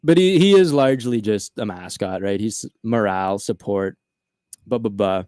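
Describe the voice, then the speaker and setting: Male podcast host, animated storyteller, casual, dry recording. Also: on the low side, moderate pace, smooth, no room sound.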